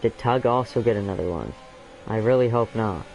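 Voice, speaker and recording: A man's voice: on the low side, moderate pace, a little mellow, lo-fi sound, soft background music. Rambling young male sim-racing commentator. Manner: rambling, filler-heavy, self-correcting. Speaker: race commentator.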